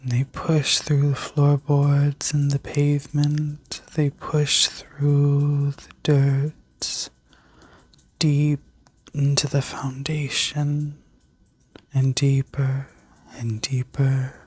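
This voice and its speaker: A woman whispering a soothing guided meditation in an ASMR style, like a sleep story narrator, gently giving instructions with a breathy voice. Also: low voice, monotone, very slow, no echo. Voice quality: breathy, mostly unvoiced whisper. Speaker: ASMR reiki healer and video host.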